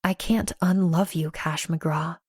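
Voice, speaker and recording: A woman narrating a first-person romance audiobook, playful and lively with acted dialogue. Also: lowish voice, takes it slowly, husky, no room sound, studio quality.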